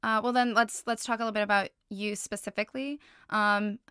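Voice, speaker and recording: A woman's voice: medium pitch, fairly even intonation, fairly quick, pushed and bright, clear, resonant tone, no echo, studio quality. A woman interviewing a guest, asking earnest, carefully worded questions. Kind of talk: candid sit-down interview.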